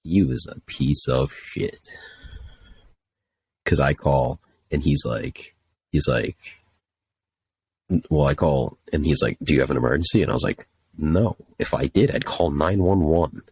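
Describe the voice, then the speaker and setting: A man's voice: very deep voice, a little slow, pauses often, darkish tone, slightly rough, dry recording. A young man telling a story casually, ranting in an exasperated, profane way. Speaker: podcast host telling a story.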